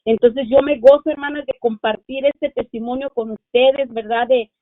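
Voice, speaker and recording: A middle-aged woman gives a fervent religious testimony and keeps calling out to her sisters as she speaks. Her voice sits a little high. The sound is dry and tinny, like a phone call with no room around it. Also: steady tone, moderate pace, dry recording. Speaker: church member giving testimony.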